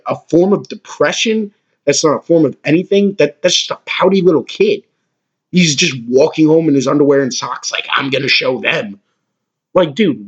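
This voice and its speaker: Crude ranting podcast guy, husky voice, kinda high, muffled lo-fi audio. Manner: profane, ranting, mocking. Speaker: podcast host. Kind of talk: crude comedic rant. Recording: dull lo-fi recording.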